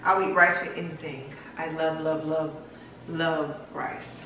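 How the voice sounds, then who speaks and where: Slow, chatty young woman in an echoey house. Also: low-pitched, steady tone, sharp tone, slight background noise. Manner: chatty, unhurried, listing items aloud. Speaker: home vlogger. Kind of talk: casual vlog narration. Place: large bare-walled house indoors. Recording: echoey room, mic at a distance.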